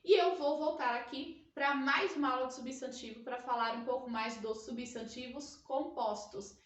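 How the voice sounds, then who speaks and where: Brazilian woman teacher, high voice, echoey room, patient tag-heavy explaining. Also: steady tone. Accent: Brazilian Portuguese. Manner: slow, drawn-out teacher explanations with frequent checking tags. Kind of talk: grammar lesson.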